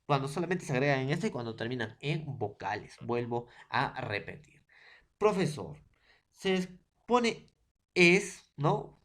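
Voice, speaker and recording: Slow Peruvian teacher drilling grammar. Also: male voice, medium pitch, big pitch swings, fairly bright tone. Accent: Peruvian Spanish. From Peru. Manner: repetitive, checks in with students often; lists word pairs one by one. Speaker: secondary school teacher. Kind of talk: grammar lesson to students.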